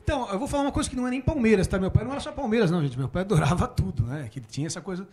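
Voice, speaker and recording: A man in his forties with a Brazilian Portuguese accent, telling stories in a casual, animated way and laughing often. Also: high-pitched, very fast. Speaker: guest. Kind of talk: casual storytelling. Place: small room before a small audience.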